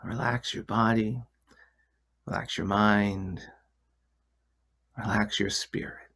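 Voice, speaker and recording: A man leading a guided relaxation in a soft, soothing, hushed delivery that at times nears a whisper. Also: on the low side, fairly even intonation, slow, vocal fry, slightly rough. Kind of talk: guided meditation.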